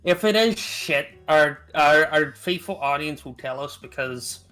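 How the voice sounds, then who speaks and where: Bright-voiced Northern Irish man, joking. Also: on the high side, animated, unhurried, faint music behind. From Northern Ireland. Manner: joking, laughs often, trails off. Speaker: stream co-host. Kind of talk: casual stream chat.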